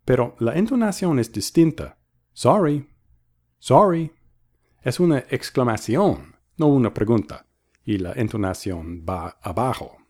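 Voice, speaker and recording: A man's voice: medium pitch, animated, moderate pace, dark tone. A man hosting a bilingual English lesson, patiently modelling phrases and repeating them for practice. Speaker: English teacher and host.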